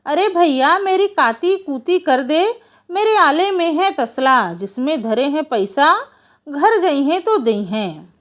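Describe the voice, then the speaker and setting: A woman's voice: high voice, sing-song, slow pace, a bit bright, heavily acted. A woman doing a sly sing-song trickster fox. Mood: coaxing. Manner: sing-song rhyming wheedle, sweet and coaxing. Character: sly female fox, smooth-talking trickster.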